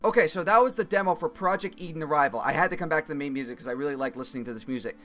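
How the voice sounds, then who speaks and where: A man's voice: on the high side, very fast, a bit bright. A young man giving casual gameplay commentary, rambling as he thinks aloud. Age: young adult. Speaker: gamer reviewing a game demo.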